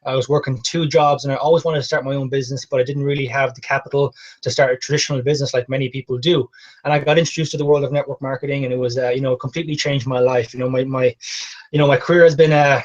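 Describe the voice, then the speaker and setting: Fast-talking young man, west of Ireland accent. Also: mid-range voice, steady tone. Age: 20s. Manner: eager, repeats words for emphasis. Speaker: call host. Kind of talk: enthusiastic presenter introduction. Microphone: online or phone call. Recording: dull lo-fi call audio.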